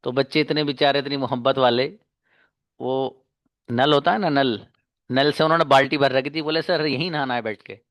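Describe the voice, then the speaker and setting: A man with an Indian accent teaches an English class in an easy, storytelling way, coaxing his students along. His voice sits at an ordinary pitch and sounds close and dry, with no room around it. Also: normal speed, no echo. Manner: relaxed storytelling, coaxing and encouraging, mixes English into Hindi. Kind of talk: casual Hindi class talk with English drills.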